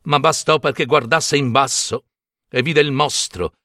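A man narrating a myth as a dramatic, expressive storybook reading. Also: mid-range voice, unhurried, no echo, studio quality. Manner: expressive, animated delivery.

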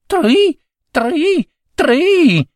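A man voicing a tiny, calm house cricket in a folk tale, with shrill trilling chirps and short answers. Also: very slow, dry recording, studio quality, full character voice. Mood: chirping.

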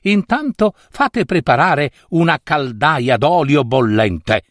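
Storybook wise old woman, firm and measured, man putting her on, lively pitch. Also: no echo, studio quality. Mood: instructing. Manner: firm, slow, instructing.

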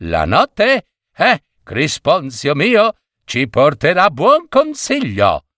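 A man voicing a shrill, nagging peasant wife in a storybook reading. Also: huge pitch swings, slow, a bit bright, no echo, studio quality, heavily acted. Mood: coaxing. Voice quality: shrill, shrieking. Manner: nagging, scornful. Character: shrill scolding peasant wife, middle-aged.

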